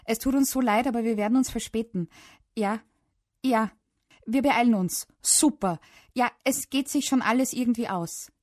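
A woman voicing a patient, practical mother who speaks calmly and firmly. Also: on the high side, moderate pace, dry recording, clean studio sound, voice pushed up, natural voice. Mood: polite. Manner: calm, organizing, gently firm.

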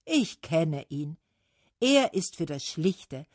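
A woman voicing a gruff, weary male autumn spirit who grumbles his words slowly in a storybook reading. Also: low-pitched, sing-song, darkish tone, no room sound, clean studio sound, heavily acted. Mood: grumbling. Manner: slow, grumbling.

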